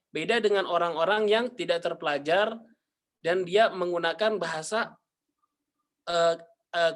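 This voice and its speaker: A young man with an Indonesian accent giving a class presentation, pausing often with fillers and restarts. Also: sits high, fairly bright tone. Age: young adult. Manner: hesitant, many fillers and restarts. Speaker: university student presenter.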